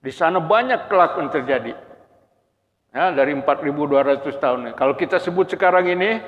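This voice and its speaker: Male religious lecturer, high voice, animated, rhetorical questions, long echo, muffled sound. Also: brisk. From Brunei. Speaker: Quran exegesis lecturer. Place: mosque hall. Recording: muffled lo-fi recording with long hall reverb.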